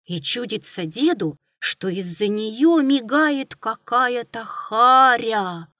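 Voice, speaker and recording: A woman narrating a classic folk tale in an expressive, dramatic reading. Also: a little high, slow pace, no echo, clean studio sound. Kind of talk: scripted storybook narration.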